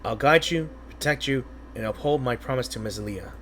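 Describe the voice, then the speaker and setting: A man voicing an earnest, steadfast squad captain from a game, formal and measured. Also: medium pitch, a bit bright, slight background noise, natural voice. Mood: resolute.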